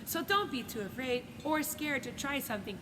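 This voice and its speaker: A woman with a high-pitched, expressive voice reads a children's story at normal speed, a coach sharing a picture book with students and offering simple, teacherly encouragement. It's recorded in an echoey room with heavy background noise.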